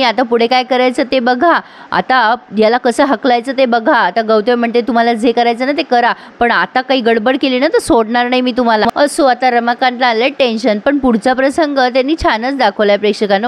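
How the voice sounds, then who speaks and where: A woman who has a heavy cold, retelling a TV serial episode in a chatty way, quoting each character's lines and talking straight to her viewers. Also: a little high. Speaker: TV serial recap narrator.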